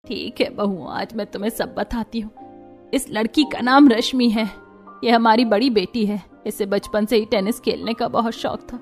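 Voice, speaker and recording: A woman voicing a meek, sorrowful older mother-in-law in a cartoon, speaking softly and quietly. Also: on the high side, steady tone, moderate pace, faint music behind, natural voice. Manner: soft and subdued. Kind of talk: cartoon voice acting.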